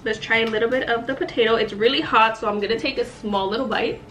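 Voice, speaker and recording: A woman's voice: a little high, steady tone, fast talker, a bit bright, reverberant, far from the mic, poor audio. A young woman chatting casually through a cooking vlog, tasting food as she talks. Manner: chatty, eating while talking. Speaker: vlogger.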